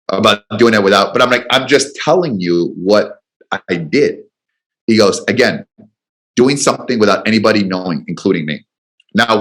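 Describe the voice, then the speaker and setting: A man's voice: low-pitched, a bit bright. A man, a business coach guest on a radio show, telling a rambling story and acting out the quotes.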